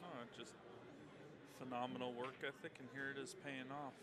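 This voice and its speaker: A man's voice: medium pitch, level tone, normal speed, crowd noise. A man giving live pool commentary in a chatty, joking way. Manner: chatty, jokey, acts out players' remarks.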